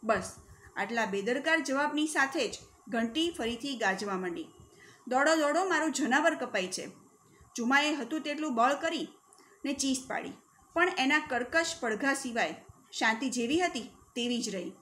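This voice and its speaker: High-voiced woman teacher reading a story. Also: moderate pace. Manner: expressive reading, acting out characters' shouts. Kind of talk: reading a story aloud for students.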